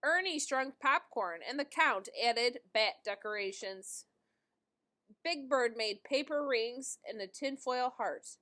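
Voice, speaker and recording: Reading a children's storybook aloud, a woman with a voice on the high side tells the tale expressively and deliberately.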